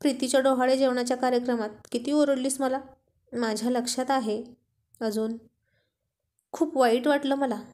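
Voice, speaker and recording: A woman's voice: sits high, fairly even intonation, normal speed, pauses often, darkish tone, close to an everyday voice. A woman reading the lines of an affectionate young husband, playful and teasing.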